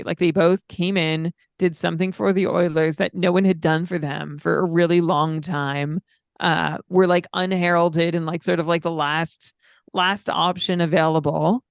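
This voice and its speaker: A man co-hosting a fantasy hockey podcast in casual chat, reeling off statistics in a measured way. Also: a little high, gravelly, dry recording, clean studio sound. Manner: stat-heavy, measured, frequent fillers. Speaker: podcast co-host.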